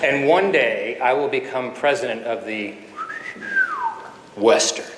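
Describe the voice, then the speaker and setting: A man's voice: mid-range voice, slow, noisy background, lightly acted. A man voicing a confident young medical student who proclaims his ambitions with pride. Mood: proud. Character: confident, visionary young male med student. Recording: echoey hall.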